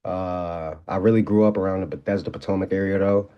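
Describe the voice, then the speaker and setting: A young adult rapper from Maryland, USA, speaks as a guest in a casual interview with a deep, steady, fairly quick voice; the tone is clean but the audio dull. He rambles in a laid-back, slangy way with lots of fillers.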